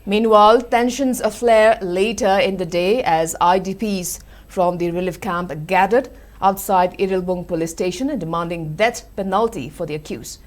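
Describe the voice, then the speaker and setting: A woman's voice: medium pitch, moderate pace. A woman with an Indian accent delivering scripted news narration as a presenter.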